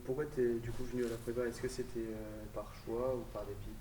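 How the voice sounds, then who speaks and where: A man interviewing fellow students in a relaxed, hesitant way. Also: mid-range voice, fast, distant mic, rough recording. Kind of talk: casual interview questions. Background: loud chatter of a crowd.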